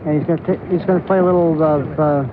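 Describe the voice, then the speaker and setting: Higher-voiced male golf commentator, tinny sound. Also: steady tone, quick pace. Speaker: golf analyst and player. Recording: tinny, noisy outdoor TV broadcast.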